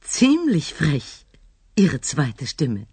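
A wry hotel manager speaks in a very low, husky voice with slow, lively phrasing. The sound is dry and close. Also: female voice, no room sound, heavily acted. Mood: amused. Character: ironic female hotel manager, amused.

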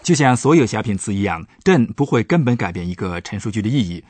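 A man's voice: on the low side, sing-song, fast talker, darkish tone, no room sound. A man, a professor, patiently explaining German grammar in a radio language lesson.

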